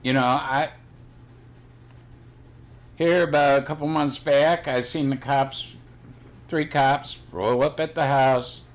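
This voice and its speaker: A man's voice: mid-range voice, fairly even intonation, slow, long pauses. Blunt, rambling older man streaming. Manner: blunt, swears freely, rambling. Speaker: livestream host. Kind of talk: casual chat.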